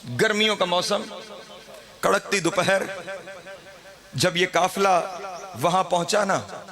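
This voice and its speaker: High-voiced Pakistani man lamenting a sermon. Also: slow pace, crowd noise. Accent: Pakistani Urdu. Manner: lamenting, rising to wailing cries. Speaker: Shia cleric reciting a majlis. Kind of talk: mourning sermon recitation.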